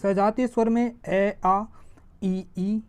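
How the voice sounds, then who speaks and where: A woman teaching an exam-prep grammar lesson. She asks a question and answers it herself, and she draws vowel sounds out slowly to show them. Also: medium pitch, fairly even intonation, darkish tone, clear, resonant tone. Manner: stretches vowels slowly when demonstrating sounds.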